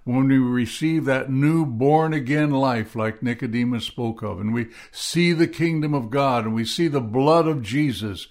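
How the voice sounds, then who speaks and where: Gravelly earnest male podcast preacher. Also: medium pitch. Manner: earnest, reflective, quotes scripture slowly. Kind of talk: devotional podcast teaching.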